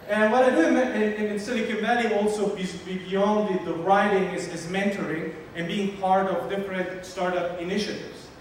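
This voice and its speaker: A man in his forties from Sicily with an Italian accent, giving a lively, interactive conference keynote and polling the audience. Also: sits high. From Sicily, Italy. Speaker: keynote speaker. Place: large hall with an audience. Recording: echoey hall, distant mic, faint noise.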